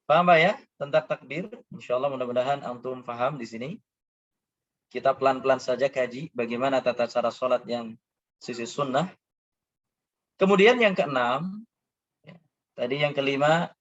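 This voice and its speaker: A man teaching an Islamic prayer lesson, stretching out chanted words to show right and wrong pronunciation and asking questions he then answers himself. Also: medium pitch. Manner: drawn-out chanted demonstrations of correct and wrong pronunciation. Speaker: religious teacher. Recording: dull lo-fi sound.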